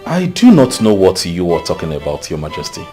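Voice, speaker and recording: A company manager with a very low voice and a Nigerian accent. He is deferential but defensive, and his pitch swings widely. Loud music plays behind the film drama. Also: wildly swooping pitch, fairly quick. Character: company manager, guarded middle-aged man.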